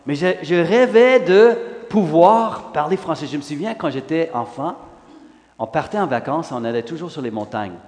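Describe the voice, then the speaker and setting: A man in his sixties from Western Canada, a pastor whose first language is English, giving an animated sermon testimony full of "là" fillers. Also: fairly high pitch, moderate pace. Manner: animated, rising in emphasis, frequent "là" fillers. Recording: long hall reverb.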